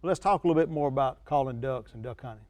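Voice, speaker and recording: A man's voice: mid-range voice, racing, a little mellow, no echo, recorded from a distance. A man hosting a show, presenting in a casual way. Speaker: show host.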